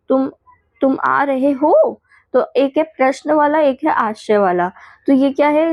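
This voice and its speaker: With a fairly high voice, a female teacher races through exam revision points, reeling off definitions and checking in with the class along the way. The recording is dry and the audio sounds dull.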